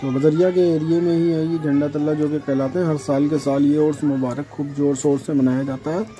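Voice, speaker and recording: A young man with a Farrukhabad Hindi accent gives a chatty walking tour through a packed shrine courtyard at night. He keeps pointing things out to his viewers in a mellow, relaxed voice. He is recorded on a handheld phone, with faint music in the background. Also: a little high, brisk. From India. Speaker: vlogger. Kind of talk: casual walking tour vlog. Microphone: handheld phone camera.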